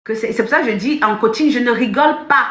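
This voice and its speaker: A woman's voice: fairly high pitch, fast, fairly bright tone, echoey room. A woman life coach giving a live-stream motivational talk, emphatic and repeating her phrases as she speaks straight to her viewers. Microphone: phone.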